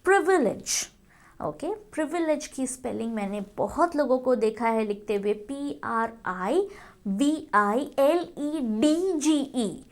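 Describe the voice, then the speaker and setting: A woman's voice: high-pitched, expressive, slow pace. A woman teaching English spelling in a mix of Hindi and English, spelling words letter by letter and often saying "okay". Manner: addresses viewers as friends, frequent "okay".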